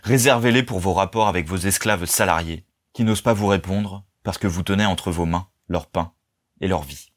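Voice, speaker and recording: A man reading aloud and voicing a bold young orator in a novel, speaking with steady force. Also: sits low, moderate pace. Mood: commanding. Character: bold young male orator, calm and commanding.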